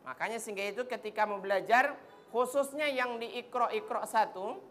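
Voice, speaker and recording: Woman, recitation teacher, corrective drill, bright crisp tone. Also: a little high, slight background noise. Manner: corrective, drawn-out syllable demonstrations and call-and-response counting. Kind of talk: classroom pronunciation drill. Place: broadcast studio classroom.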